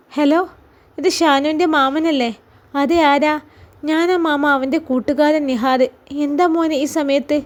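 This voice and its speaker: A woman narrates a family story with a Malappuram Malayalam accent. Her voice sits high, and she voices every character in the same natural tone, with no put-on voices. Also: darkish tone. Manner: reads all characters' lines in her own voice. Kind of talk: scripted story narration with dialogue.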